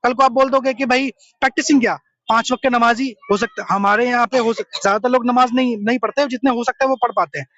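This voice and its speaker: A man's voice: very high-pitched, steady tone, quick pace, few pauses, a bit bright, no echo. A young man giving an earnest, step-by-step explanation in a street interview, mixing in English terms. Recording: dull lo-fi sound.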